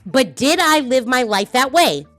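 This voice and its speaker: A woman's voice: sits high, measured pace, dry recording, soft background music. A middle-aged woman hosting a casual podcast, talking bluntly and swearing freely as she tells personal stories. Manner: blunt, swearing, animated storytelling. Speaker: podcast host.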